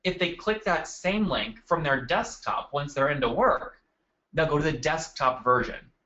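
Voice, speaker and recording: Upbeat man hosting a webinar, bright voice. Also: fairly high pitch, moderate pace, lo-fi sound. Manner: upbeat, addresses attendees by name. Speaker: webinar host. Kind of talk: live marketing webinar presentation. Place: at a desk indoors.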